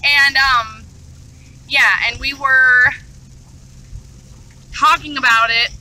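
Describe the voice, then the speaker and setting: High-voiced woman vlogging from a car. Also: fairly even intonation, takes it slowly, sharp tone, rough recording. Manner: talks while eating, mouth full. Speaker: vlogger host. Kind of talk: casual vlog chat. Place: inside a car on the road.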